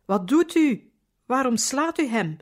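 A woman voicing a gentle, earnest young priest in a storybook reading, asking kind questions. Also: high voice, normal speed. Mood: alarmed. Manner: gentle questioning, raised when alarmed.

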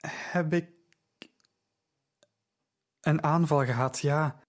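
A man voicing a large Roman citizen, confused and groggy, speaking in a halting mumble. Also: fairly high pitch, fairly even intonation. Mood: dazed. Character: large Roman citizen, dazed after a seizure.

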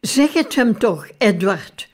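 A woman voicing an agitated, nervous male doctor who shouts and pleads to be believed, read slowly in an audiobook. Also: on the high side, animated, full character voice. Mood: agitated pleading.

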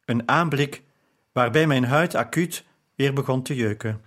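Man calmly narrating an audiobook. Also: medium pitch, measured pace. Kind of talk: scripted first-person narration.

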